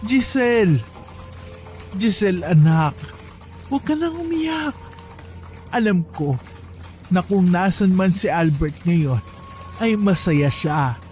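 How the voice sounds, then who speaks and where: A man voicing a caring older woman, a soon-to-be grandmother, who soothes and reassures in a soft motherly way. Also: high voice, animated, takes it slowly, pauses often, soft background music. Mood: soothing. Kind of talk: storytelling narration.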